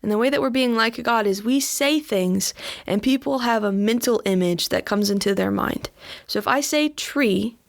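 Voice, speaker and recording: A woman's voice: on the high side, gravelly. A woman co-hosting a faith podcast, speaking in an earnest, reflective way in casual chat. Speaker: podcast co-host.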